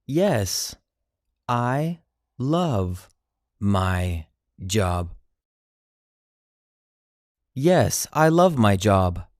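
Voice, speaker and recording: Slow, lively English drill voice. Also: mid-range voice, no room sound, clean studio sound. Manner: repeats each phrase in slow chunks. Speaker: language teacher.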